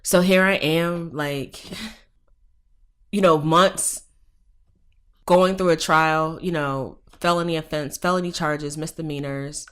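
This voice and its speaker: A woman's voice: low-pitched, steady tone, takes it slowly, pauses often, a bit bright, smooth. A woman in her thirties, a professor guest on a podcast, telling a personal story frankly and emphatically, with profanity and pointed rhetorical questions.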